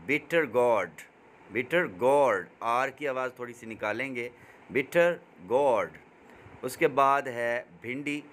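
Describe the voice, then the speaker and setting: A man's voice: mid-range voice, a bit bright, slight background noise. A man teaching vegetable names, repeating each word and quizzing the listener. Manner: slow, drills each word with call-and-answer questions. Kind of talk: vocabulary lesson with repetition.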